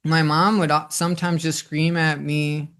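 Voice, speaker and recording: A man in his twenties talks through a personal reflection, rambling and restarting often. His voice sits a bit high for a man and comes across smooth and clear. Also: little pitch movement, normal speed, fairly bright tone. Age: 20s. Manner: rambling, many restarts and "like" fillers. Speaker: host.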